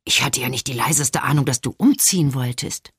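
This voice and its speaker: A woman's voice: rumbling low, slightly rough, no room sound, clean studio sound, exaggerated voice. Woman reading as a frazzled young mother. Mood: hurt. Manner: blunt, hurried. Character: frazzled, exhausted young mother, blunt friend.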